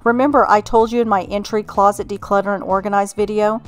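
A middle-aged Texan woman who hosts a home organizing channel calmly reads a scripted voice-over full of friendly instructions. Her voice is mid-range and her pace is fast.

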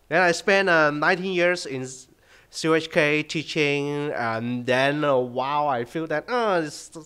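A middle-aged man with a thick Hong Kong accent, giving a conference presentation in an informal, halting way. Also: mid-range voice, a bit bright, smooth. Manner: informal, halting, frequent hesitations. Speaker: conference speaker, data director. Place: conference stage indoors, at a lectern.

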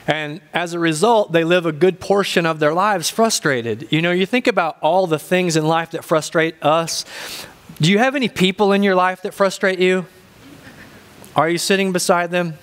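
A male pastor in his fifties with a thick Ozarks accent delivers a sermon from a church stage. His voice sits fairly high for a man. He speaks deliberately, repeating key phrases to drive them home. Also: a bit bright. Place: large church stage indoors.

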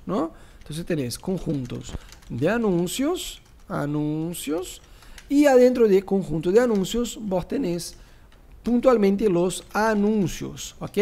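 A man with a Rioplatense Spanish accent, a pastor running a live online class on church advertising, animated and teasing with rhetorical asides. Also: high-pitched, creaky.

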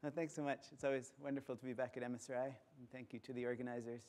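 A man lectures at a conference in an auditorium, his voice mellow and relaxed at a middle pitch. He explains each step in a measured, patient way.

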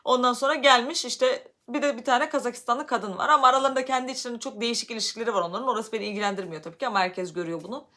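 A woman from Turkey telling a story casually to her vlog audience, animated, her voice getting loud when she is upset. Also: on the high side, racing, few pauses. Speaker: vlogger.

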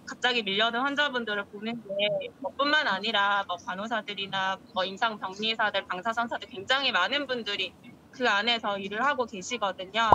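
A woman's voice: mid-range voice, pushed and bright, slight background noise, poor audio. A young woman, a doctor, explaining her work as an interview guest over a video call, through a face mask. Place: busy hospital room indoors, on a video call. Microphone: video call, phone close to face, through a mask.

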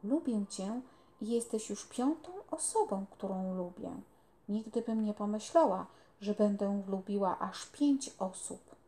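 A woman's voice: medium pitch, expressive, unhurried, warm tone, close to an everyday voice. A woman reading aloud, voicing a lonely, prickly young girl with an earnest, wistful manner.

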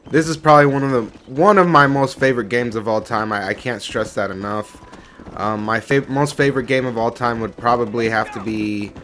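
A man's voice: mid-range voice, fairly bright tone, a little hiss or hum. A young man hosting a let's-play video, chatting casually with rambling, profane commentary. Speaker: gaming channel host.

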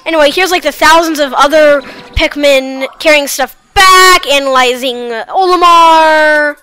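A woman's voice: sits high, moderate pace, sharp tone, soft background music, rough recording. A woman hosting a casual let's-play, chatting in a rambling, self-deprecating way as she plays. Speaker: gaming channel host.

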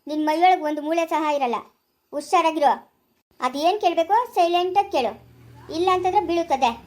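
A woman's voice: very high-pitched, fairly quick, darkish tone. A woman playing a harsh female police officer who scolds and threatens, in an amateur family drama. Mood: scolding.

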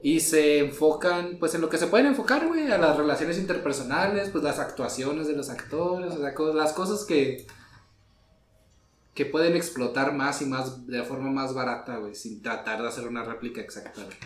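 Un hombre con acento mexicano que conversa de forma relajada y coloquial en un podcast y salpica sus frases con modismos. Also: male voice, a little high, moderate pace, reverberant, slight background noise. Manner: slangy, laid-back, peppers talk with "güey". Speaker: podcast co-host. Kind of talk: casual chat.

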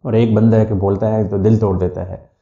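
A male educator with an Urdu accent lectures in a dark, gravelly voice, mixing English terms into his explanations with frequent "uh" fillers. His voice sits low and mellow. The recording is dull and lo-fi, with an echoey room around him. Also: flat delivery, a little fast. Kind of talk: lecture-style talk.

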